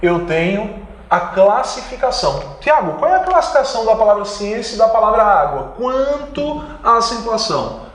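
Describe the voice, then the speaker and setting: His high, sing-song voice has a fairly bright tone and moves at a moderate pace, with a roomy sound. A man with a Brazilian Portuguese accent, he emphatically teaches an online grammar lesson for exam prep, elongating key words and fielding his own questions.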